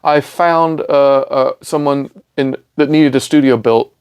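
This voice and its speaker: He speaks unhurriedly in a steady, clean, slightly mellow medium-pitched voice with a British accent. A middle-aged recording engineer and studio owner, born in Milan and brought up in England and Scotland, he chats informally as a podcast guest in a recording studio, dropping "man" and "you know" into his stories.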